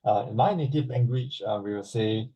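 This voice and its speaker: A man from Singapore introducing himself briskly over a video call. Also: mid-range voice, mellow, rough recording. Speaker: participant.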